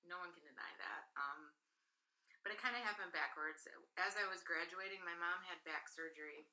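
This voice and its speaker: A woman's voice: lowish voice, moderate pace, pushed and bright, rough recording. A woman in her late thirties, a guest in a casual interview, talking at length in a chatty, rambling way and laughing easily. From northern Michigan, USA. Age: 30s.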